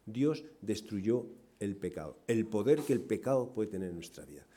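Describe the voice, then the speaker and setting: Conversational preacher, lively delivery. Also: male voice, fairly low pitch, normal speed, husky. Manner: conversational, asks the congregation questions; dynamic, swings from loud emphasis to quiet asides. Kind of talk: sermon.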